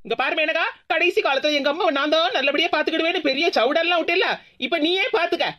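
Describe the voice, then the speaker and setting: A woman playing a fast, sarcastic, defiant woman. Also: extremely high pitch, fairly bright tone. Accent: Tirunelveli Tamil. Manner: sarcastic, cutting retorts. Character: sharp-tongued, defiant woman feuding with her mother-in-law.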